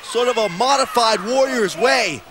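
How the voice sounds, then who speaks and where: A man doing excited play-by-play wrestling commentary with emphatic, exclamatory calls and dramatic repetition. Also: sits high, measured pace. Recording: loud arena crowd noise behind. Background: roaring wrestling crowd.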